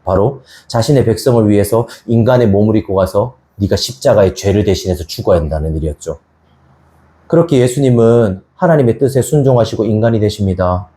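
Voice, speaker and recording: A man's voice: on the low side, dark tone. A man preaching a sermon as pastor, earnest and fond of rhetorical questions to the congregation. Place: church sanctuary. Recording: roomy church echo.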